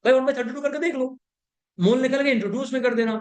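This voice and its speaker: A man's voice: very high voice, moderate pace, a little mellow. Male chemistry teacher giving a classroom lecture. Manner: keeps checking whether students have understood; mixes English terms into Hindi.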